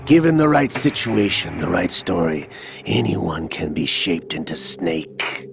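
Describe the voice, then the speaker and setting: Over game score music, an actor voices a cold, scheming older villain in a video game, laying out a plot in a calm, measured, mocking way. The full character voice is low and creaky, smug and coldly explanatory.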